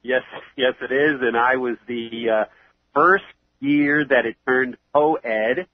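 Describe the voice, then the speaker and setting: A man's voice: mid-range voice, fairly even intonation, takes it slowly, no echo. A man in his fifties with a New York accent and a head cold, chatting as an interview guest over a phone line. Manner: chatty, rambling with fillers.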